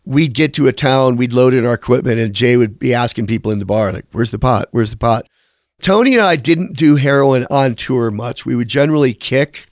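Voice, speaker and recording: Speaking briskly at medium pitch, this interviewed musician rambles through candid stories and curses offhandedly. The recording is clean studio quality with no echo.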